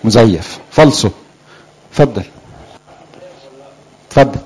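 A man's voice: mid-range voice, animated, a little slow, a little mellow, husky, low-quality recording. A man with an Egyptian Arabic accent preaching a sermon to young people in a church, often putting questions to the crowd and lifting or dropping his voice for emphasis. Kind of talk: sermon to a live congregation.

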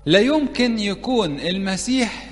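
Egyptian male preacher, fairly high voice, chatty sermon that quizzes young listeners, long hall reverb. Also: expressive, moderate pace. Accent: Egyptian Arabic. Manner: conversational, playful, keeps asking the audience questions. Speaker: church preacher teaching youth. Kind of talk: interactive sermon.

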